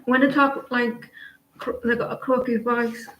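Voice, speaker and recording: A woman giving a casual live tarot reading, chatty and halting, often trailing off and restarting. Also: on the high side, level tone, fairly bright tone. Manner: chatty, halting, sings snatches of songs between readings. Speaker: tarot reader. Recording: echoey room, faint noise.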